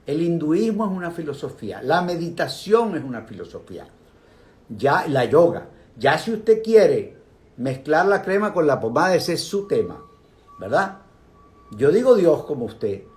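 An older man gives a casual, animated talk on meditation, speaking directly to his viewers. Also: fairly high pitch, moderate pace. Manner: animated, speaks directly to viewers, asides and vocal sound effects.

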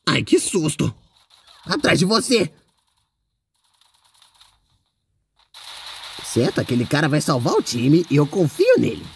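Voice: mid-range voice, wildly swooping pitch, normal speed, gravelly, husky, full character voice. A performer voicing a mischievous, boastful male ink demon in character while commenting on a game, with a playful, exclamatory manner.

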